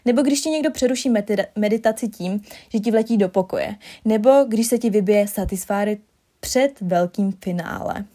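A young woman performing a spoken-word monologue addressed to herself, expressive and shifting between hushed and emphatic delivery. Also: mid-range voice.

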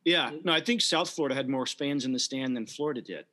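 A man co-hosting a casual sports chat, opinionated and wry, getting animated at times. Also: medium pitch, quick pace. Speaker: podcast co-host.

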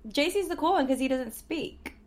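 A woman's voice: sits high, expressive, moderate pace. Teasing woman laughing through a stream. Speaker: co-host of a live-streamed podcast. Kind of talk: casual chat, reading stream chat aloud.

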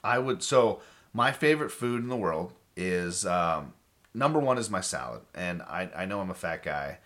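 A man's voice: low voice, expressive, moderate pace, fairly bright tone. A man chatting casually and bluntly, with heavy swearing. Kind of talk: casual chat.

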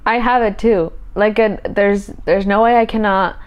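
A woman's voice: medium pitch, steady tone, normal speed, smooth, lo-fi sound. Brief: female podcast co-host, medium voice, chatty teasing banter with emotional candor. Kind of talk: casual couple chat.

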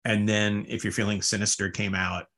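A man's voice: lowish voice, little pitch movement, moderate pace, fairly bright tone. A man, a record label founder, telling long casual stories in an interview, full of fillers and asides. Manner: rambling anecdotes with frequent fillers and laughs.

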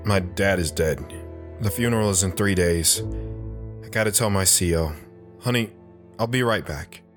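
A man's voice: low-pitched, normal speed, faint music behind, lightly acted. A man playing a clipped young soldier. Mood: steady. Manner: clipped, dutiful military politeness. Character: Travis, young soldier, husband and father. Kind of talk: first-person story narration and dialogue.

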